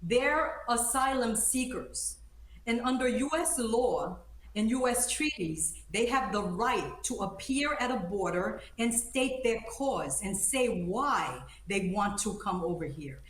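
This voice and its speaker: Her voice is a little high and animated, and her delivery is slow. She is a Haitian-born lawyer who grew up in the US, appearing on a live news interview and speaking with emphasis and indignation. The recording is echoey and roomy, with slight background noise.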